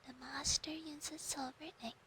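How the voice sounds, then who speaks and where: A woman voicing a clingy, proud female fox spirit familiar in an ASMR role-play, breathy and intimate on a close binaural microphone. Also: sits high, steady tone, unhurried, pushed and bright, slight background noise. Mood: insistent, lecturing.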